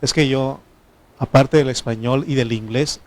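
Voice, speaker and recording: This middle-aged Mexican pastor, a native Triqui speaker with a Mexican Spanish accent, talks at a measured pace. His pitch is medium and his intonation fairly even. He preaches a folksy sermon and seeks responses from the congregation.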